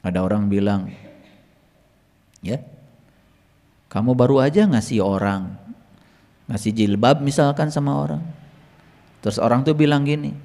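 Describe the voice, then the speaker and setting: A man teaching a religious lesson in sermon style, firing rhetorical questions at his listeners and reciting Arabic verses slowly and drawn out. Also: mid-range voice, gravelly. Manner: lively, fires rhetorical questions at the audience. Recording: long reverb, hall-like room.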